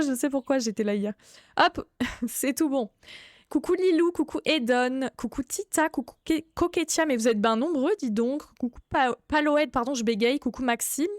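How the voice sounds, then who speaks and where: A woman's voice: high-pitched, no room sound, studio quality. A young woman streaming a horror game live, chatting casually, greeting viewers by name and swearing now and then. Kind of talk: live gaming stream commentary.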